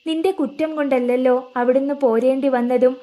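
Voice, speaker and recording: ഒരു വൃദ്ധനായ വല്യപ്പച്ചനായി സൗമ്യമായി സംസാരിക്കുന്ന ഒരു സ്ത്രീ, കഥ വായിക്കുന്നത്. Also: female voice, high voice, fairly even intonation, normal speed, close to an everyday voice. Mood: tender. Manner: gentle, coaxing. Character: older man, grieving elderly grandfather figure.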